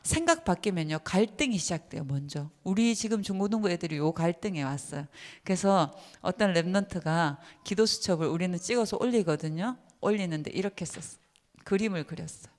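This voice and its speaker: A woman giving a seminar lecture to church teachers, emphatic and lively, often putting questions to her listeners. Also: on the low side, brisk. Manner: lively and emphatic, asks the audience many questions. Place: church hall. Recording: long reverb of a church hall.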